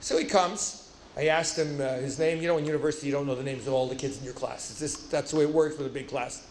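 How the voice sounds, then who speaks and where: A man giving a storytelling lecture, lively, acting out dialogue and adding self-deprecating asides. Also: medium pitch, quick pace, slight background noise. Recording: roomy hall with faint ambience.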